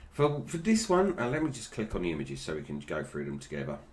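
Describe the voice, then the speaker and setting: A man's voice: low voice, wildly swooping pitch, fast, darkish tone. A British man giving casual, unscripted toy review commentary, with slightly slurred, toothless articulation that stumbles over names.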